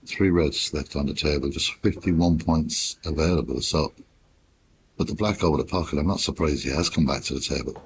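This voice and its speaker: A man with an extremely low voice gives quiet, unhurried commentary in the style of a golf broadcast. His phrases are short and measured, with long gaps left between them, over clearly audible background noise. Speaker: snooker commentator.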